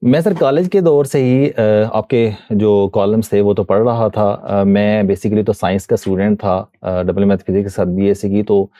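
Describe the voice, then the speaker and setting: A middle-aged man from Pakistan, a guest answering interview questions politely and hesitantly, often pausing with fillers. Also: on the low side, steady tone, warm tone, no echo. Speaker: guest, voice-over reader of columns. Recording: dull muffled dry sound.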